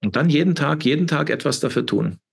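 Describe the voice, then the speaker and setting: A man's voice: on the high side, expressive, fast, creaky, husky. A man in his fifties talking as an interview guest, emphatic and preachy, often repeating words and ending with a questioning tag. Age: 50s. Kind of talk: impassioned interview talk.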